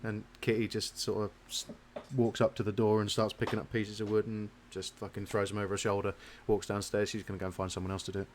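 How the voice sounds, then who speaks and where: Guy running a tabletop game, lowish voice, rambling chatty narration. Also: level tone, quick pace, few pauses, a little hiss or hum. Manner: loose, chatty narration with fillers and asides. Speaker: game master.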